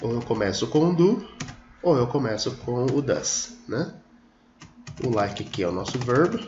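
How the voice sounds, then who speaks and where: Man teaching slowly in an echoey room. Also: medium pitch, lively intonation, darkish tone. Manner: explains slowly, stretching example sentences, checks in with students. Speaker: English teacher. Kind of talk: screen-recorded grammar lesson. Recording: echoey room, dull lo-fi audio.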